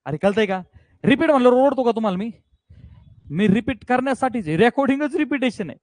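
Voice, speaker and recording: Male physics teacher, high voice, energetic and coaxing with his class, dry sound. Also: fast talker, no echo. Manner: energetic, coaxing, keeps checking students understand. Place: classroom with students.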